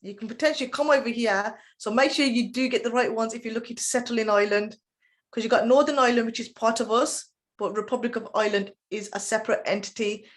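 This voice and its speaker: A woman presents a training session in a chatty, explanatory way. Her voice sits a little high, and she often stops to check that the group is following. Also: fairly even intonation, fast. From United Kingdom. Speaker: intercultural trainer.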